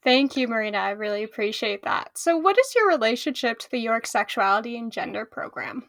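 High-voiced woman podcast host. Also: expressive, a bit bright, no echo, studio quality. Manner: clear, measured reading. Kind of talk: scripted introduction and interview.

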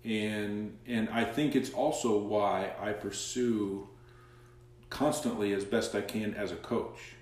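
A man, a coach being interviewed, telling stories in an animated way. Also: fairly low pitch, slow pace. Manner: animated storyteller, acts out quoted dialogue. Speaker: guest, soccer coach. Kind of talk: casual interview storytelling. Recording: very echoey room, far from the mic.

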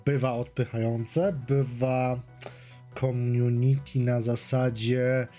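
A man on a casual podcast panel, explaining his view in a halting, deliberate way. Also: mid-range voice, flat delivery, dark tone, faint music behind.

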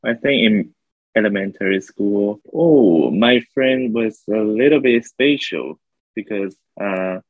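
A man from Taiwan who speaks slowly and hesitantly, pausing to search for words and laughing now and then. His voice is low and comes through a slightly dull, lo-fi signal. The sound is dry and close. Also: expressive, no room sound. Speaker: podcast guest. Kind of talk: casual podcast chat.

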